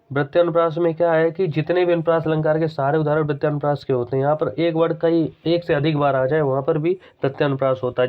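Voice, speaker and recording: Hindi teacher with a tinny phone-like sound. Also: male voice, a little high. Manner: explains patiently, repeats key terms, slows to recite examples. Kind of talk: exam-prep grammar lesson.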